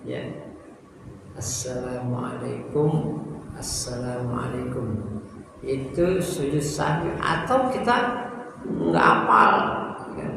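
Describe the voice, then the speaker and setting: A man's voice: fairly high pitch, huge pitch swings, slow pace, long pauses. A male religious teacher gives a lesson to a congregation, quizzing his listeners and reciting Arabic phrases. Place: prayer hall of a neighborhood mosque. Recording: very echoey hall, far off, noisy ambience.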